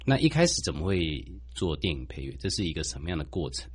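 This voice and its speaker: Male host, Taiwanese Mandarin accent: very low, husky voice for presenting and interviews. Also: sing-song, quick pace.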